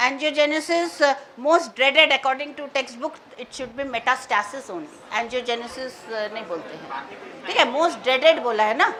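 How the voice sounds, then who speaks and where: High bright-voiced woman teaching biology. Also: a little hiss or hum. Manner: mixes Hindi and English, slows to dictate key terms. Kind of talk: exam answer walkthrough lesson.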